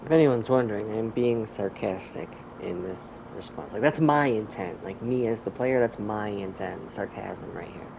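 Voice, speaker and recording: A woman's voice: a bass voice, normal speed, gravelly, few pauses, noisy background. A woman streaming a game, commenting casually in a rambling, chatty way. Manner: chatty, rambling, lots of "like", animated asides.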